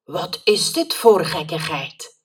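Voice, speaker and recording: Storybook part: a woman doing a helpful pet shop lady, low and husky, mic at a distance. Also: very animated, takes it slowly, exaggerated voice. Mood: indignant. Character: friendly middle-aged female pet shop keeper.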